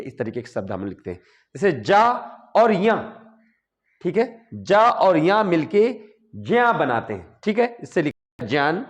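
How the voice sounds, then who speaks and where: A man teaching a grammar lesson, explaining patiently, sounding out syllables one by one and checking in often with the listener. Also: fairly high pitch. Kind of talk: classroom-style explanation.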